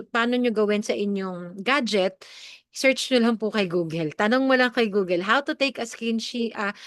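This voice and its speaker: A Filipino woman mentor teaching an online session over a video call, talking chattily in Taglish with an expressive, coaching manner and many "okay?" checks. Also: a little high, dry recording, studio quality. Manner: animated, expressive.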